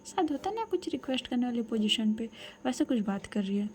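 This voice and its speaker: A young adult woman telling a serialized love story in a soft, breathy, half-whispered voice, with casual asides to the listener. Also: a little high, very animated, fairly quick, slight background noise. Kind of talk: hushed serialized story narration.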